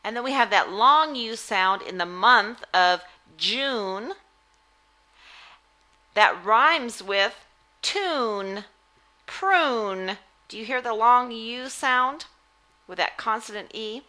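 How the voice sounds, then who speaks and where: Woman, reading teacher, phonics drill, extremely unhurried pace, bright forward tone, careful instructional delivery. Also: on the high side. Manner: deliberate, instructional, enunciating single words. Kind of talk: phonics lesson, word-by-word articulation drill.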